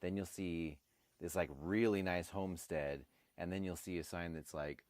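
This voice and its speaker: A man's voice: deep voice, fairly even intonation, normal speed, a little mellow, no echo. A man chatting casually on a porch, trading wisecracking banter with his friend. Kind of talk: casual chat. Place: outdoor porch.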